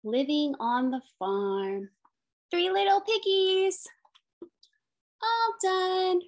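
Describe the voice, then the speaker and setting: Her voice very high and her pace extremely slow, a woman in her thirties reads a picture book as a teacher would. She is a special education teacher, speaking in simple sing-song lines and asking young children questions.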